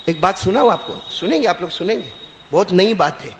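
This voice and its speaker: A male preacher with a high, expressive voice tells a story in his sermon, repeating phrases emphatically and prompting listeners to respond with "bolo" in call-and-response. The recording has an echoey hall sound and faint noise.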